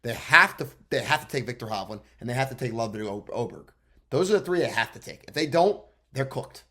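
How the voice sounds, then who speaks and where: Excitable, blunt young podcast co-host. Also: male voice, medium pitch, fairly quick. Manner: blunt, excitable, swears freely. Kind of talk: casual sports chat.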